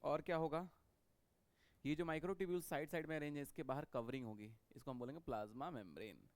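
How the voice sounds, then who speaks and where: A man's voice: fairly high pitch, fairly quick, no echo. Man teaching a biology class. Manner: repetitive, checks understanding with frequent "okay". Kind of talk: classroom lecture.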